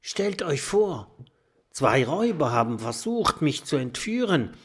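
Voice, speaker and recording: Professor Champignon: a man playing an anxious, hushed professor, secretive, slow-spoken. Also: on the high side, very animated, slightly rough, pitched above the performer's own voice, full character voice. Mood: fearful whisper. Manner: whispering, secretive. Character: nervous timid male professor, adult.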